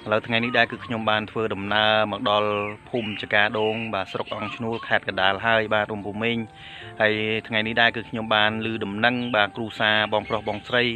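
Fast, bright-voiced man filming himself outdoors. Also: lowish voice, level tone, soft background music. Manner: rapid, formal greeting to viewers. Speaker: vlogger. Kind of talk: vlog introduction to camera. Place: outdoors by rural fields. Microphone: phone at arm's length.

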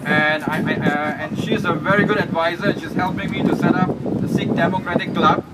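A man from Singapore giving a humorous, emotional speech at an outdoor rally, with halting restarts. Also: high-pitched, fairly even intonation, very noisy. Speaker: village councilman. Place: outdoors on building steps in a crowd. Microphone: handheld mic, filmed by a phone from far off. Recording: distant phone video of a crowded street rally.

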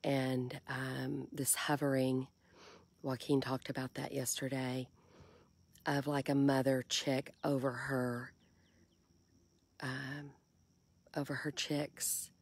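A woman, talking softly and half-whispering in a casual devotional vlog, filmed on a phone held at arm's length from a kayak on a lake. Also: very deep voice, flat delivery, slow pace, long pauses. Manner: soft, breathy, half-whispered, musing. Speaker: faith vlogger.

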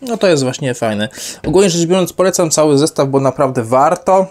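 A man's voice: a little high, expressive, a little fast, a little mellow. A young adult man giving an unscripted product review, rambling with many fillers and self-corrections.

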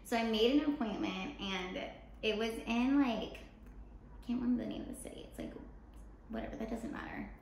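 In an echoey living room with faint background noise, a young American woman chats casually. Her voice sits fairly high, and she tells her story informally, acting out who said what with plenty of "like". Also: moderate pace, creaky. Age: young adult. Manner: animated retelling with quoted dialogue, frequent "like". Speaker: show co-host telling a personal story. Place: apartment living room, indoors. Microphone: camera mic a few feet away.

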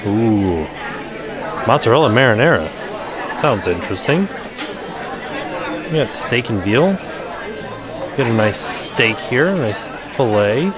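A man's voice: mid-range voice, sing-song, slow pace, pauses often, a crowd in the background. A man vlogging casually, chatting enthusiastically about menus and food as he walks around. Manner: chatty, enthusiastic food commentary with frequent "ooh". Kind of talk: casual vlog narration. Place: outdoor shopping plaza and indoor restaurant.

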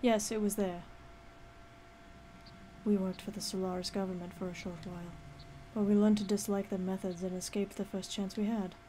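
A woman voicing a serious, guarded older male companion in a video game, measured and grave as they read the dialogue. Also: medium pitch, level tone, mellow, a little hiss or hum, lightly acted. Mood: grave, confiding.

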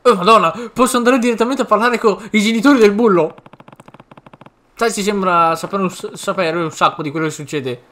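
A man's voice: high-pitched, brisk, bright, forceful tone. A man commenting casually and animatedly over a game he is playing, exclaiming and joking. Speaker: gaming video creator. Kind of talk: let's play commentary.

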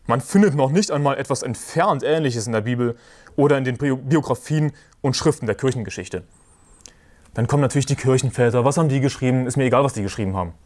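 A man preaching a sermon in a forceful, combative way, repeating his points and references. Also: mid-range voice.

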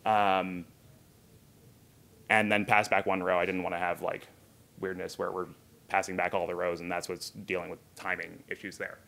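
Speaking at a moderate pace with frequent pauses, this thirty-something man has a low, gravelly voice that stays level yet carries a sharp edge. He's a software engineer presenting informally at a conference, chatting through the material with side remarks from a podium in a hotel meeting room.

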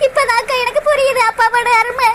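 A woman doing a squeaky tearful cartoon girl. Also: fairly even intonation, fairly quick, background noise. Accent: southern Tamil Nadu. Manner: sobbing, plaintive. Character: lovesick young woman, tearful and pining. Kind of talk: cartoon voice acting.

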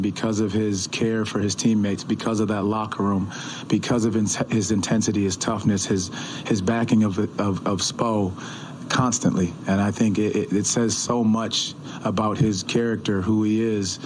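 Low, flat-voiced coach at a press conference. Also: male voice, slight background noise, low-quality recording. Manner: measured, repeats words and restarts often. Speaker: head coach. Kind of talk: postgame press conference answers. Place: press room in an arena. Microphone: table mic on a stand.

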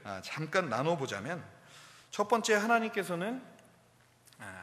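A middle-aged man preaching a sermon as a pastor, animated, and acting out the quoted lines. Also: a little high. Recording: long hall reverb.

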